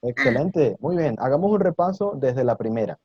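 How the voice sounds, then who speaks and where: Man, language teacher, online lesson, husky voice, encouraging, exaggerated demonstrations, dry muffled sound. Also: mid-range voice, expressive, normal speed, no room sound. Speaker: Mandarin teacher.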